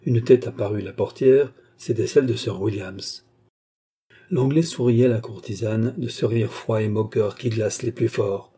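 A man narrating a classic novel aloud in a steady, measured reading. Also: fairly low pitch, husky. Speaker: audiobook narrator.

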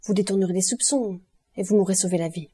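A woman's voice: mid-range voice, fairly even intonation, fast, warm tone, breathy edge, recorded from a distance, lightly acted. A woman reading an audiobook voices a desperate young man on the run, urgent and pleading.

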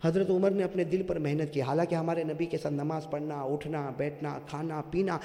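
A middle-aged man preaching a sermon in a mosque, pressing the crowd to call back answers and swinging from loud calls to low asides. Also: steady tone. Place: mosque prayer hall. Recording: echoey hall with long reverb.

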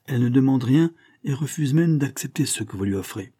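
A man's voice: medium pitch, animated, mellow, breathy edge, dry recording. A man reading aloud, voicing a dry, cutting old English lawyer who speaks curtly, coldly and with measure. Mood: cool. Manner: curt, cold and measured.

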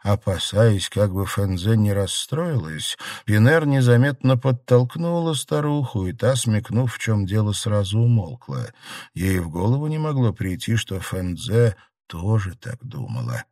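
A man narrating a classic novel as an audiobook reader, in a steady, even storytelling manner. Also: lowish voice, measured pace, no room sound, clean studio sound. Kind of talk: scripted narration.

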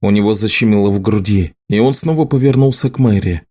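A man narrating an audiobook in a measured, even reading voice. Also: lowish voice. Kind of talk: scripted narration.

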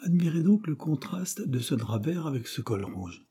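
A man's voice: a little high, big pitch swings, normal speed, dark tone, slightly rough, pitched above the performer's own voice. A man voicing a confident young male clerk who jokes and banters lightly. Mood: joking.

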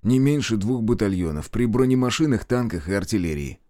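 Man doing a wheezy worn-out scout officer, flat dry report, close dead mic. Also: fairly low pitch, fairly quick, no room sound, close to an everyday voice. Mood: grim. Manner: hoarse, matter-of-fact. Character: weary scout lieutenant, dry humor.

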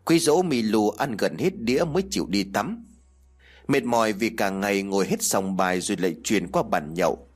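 A man with a husky voice, narrating a ghost story in an expressive, measured way. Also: fairly low pitch.

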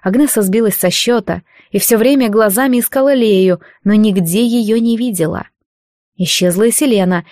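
A woman reading a fantasy novel aloud as an audiobook narrator, with expressive storytelling. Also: medium pitch, moderate pace, no room sound, clean studio sound. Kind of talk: scripted narration.

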